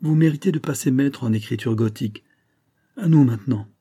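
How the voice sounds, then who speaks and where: A man's voice: mid-range voice, a little fast, mellow, breathy edge, close to an everyday voice. A man doing a stubborn, lovesick young man. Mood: cool.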